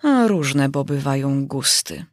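A woman voicing a fussy, easily offended male griffin who tells things briskly and eagerly. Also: extremely low pitch, expressive, no room sound, studio quality, pitched below the performer's own voice, full character voice.

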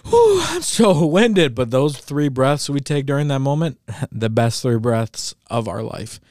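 A man's voice: mid-range voice, flat delivery, unhurried, darkish tone, clean tone, no room sound, studio quality. A young man co-hosting a podcast, joking about himself in casual chat. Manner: joking, self-deprecating. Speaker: podcast co-host.

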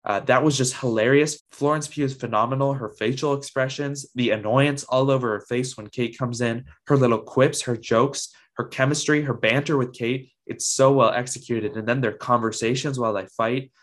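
A man's voice: medium pitch, steady tone, moderate pace, few pauses. A man reviewing a TV episode in a casual video, praising it with enthusiasm and lots of ums.

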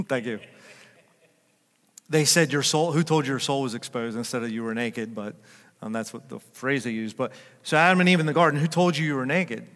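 An older man preaching a sermon as pastor, chatting and joking with his congregation, then rising to loud emphatic peaks. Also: medium pitch, moderate pace, pauses often, in a large hall. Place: church sanctuary.

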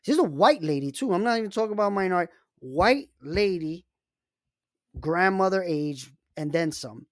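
A man's voice: sits high, animated, normal speed, no room sound, studio quality. A man hosting a casual personal finance talk, speaking emphatically and turning to the listener with frequent asides. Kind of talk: casual monologue with storytelling.

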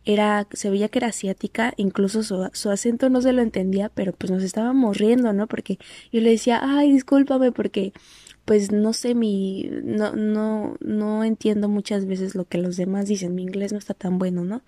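A woman's voice: mid-range voice, little pitch movement, normal speed, mellow, dry recording. A woman from Mexico with a Mexican accent, telling a personal story in a casual monologue, full of fillers and restarts. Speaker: podcast host.

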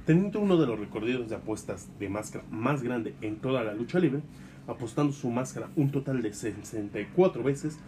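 Mellow Mexican man, wrestling announcer style. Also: mid-range voice, animated, brisk, slight background noise. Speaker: host of a lucha libre show. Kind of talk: scripted narration in wrestling announcer manner.

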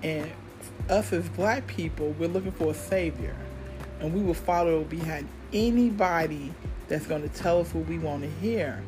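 A woman's voice: low voice, normal speed, music in the background. A middle-aged American woman giving a casual, rambling solo podcast monologue in a blunt, cynical, freely swearing manner. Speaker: podcast host.

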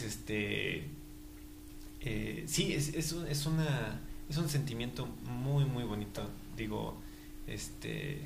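A young man, chatting as a guest in an interview, halting with many fillers and breaking into laughs. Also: mid-range voice, echoey room, a little hiss or hum. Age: young adult. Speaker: guest, new father. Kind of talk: casual interview chat.

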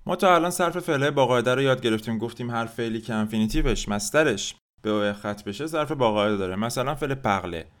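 A man teaching a podcast language lesson, drilling verb forms patiently with pauses to repeat after him. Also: mid-range voice. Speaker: French teacher.

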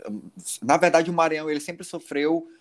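A man co-hosting a podcast, explaining things in a measured casual chat. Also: fairly high pitch. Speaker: podcast co-host.

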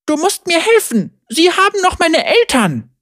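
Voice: extremely high pitch, huge pitch swings, a little slow, a bit bright, no room sound, clean studio sound, pitched above the performer's own voice, heavily acted. Frightened little boy, as a narrator puts him on. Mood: pleading. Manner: breathless, pleading.

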